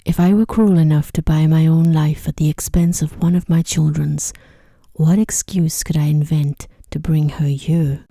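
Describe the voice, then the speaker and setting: Woman softly playing a humble, breathy pleading merchant. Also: sits low, steady tone, moderate pace, dry recording, clean studio sound. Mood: sorrowful, humble. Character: frightened, pleading merchant father, humble and polite. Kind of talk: bedtime storybook reading.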